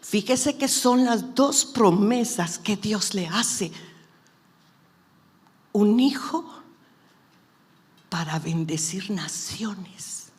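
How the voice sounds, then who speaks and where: Slow-speaking woman preaching a sermon. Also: mid-range voice. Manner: swings from hushed whispers to shouting; personal testimony.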